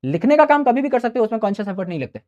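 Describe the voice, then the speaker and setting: A man's voice: extremely high pitch, very animated, racing, a little mellow, highs cut off. A man teaching exam students in a casual advice talk. He is chatty and mixes in English phrases. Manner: chatty, mixes Hindi with English phrases, calls listeners "brother".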